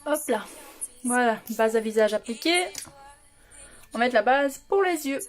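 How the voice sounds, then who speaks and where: A woman's voice: on the high side, expressive, a little slow, faint music behind. A young woman doing a live makeup stream from home, chatting with viewers and giggling often. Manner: giggly, bubbly, talks to chat by name. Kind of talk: chatty livestream talk to viewers.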